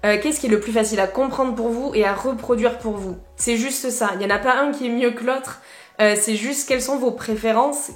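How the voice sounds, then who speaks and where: A woman explaining English pronunciation in a relaxed, chatty teaching style, with frequent fillers. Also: a little high, a little fast, roomy sound, faint music behind. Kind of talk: casual teaching talk.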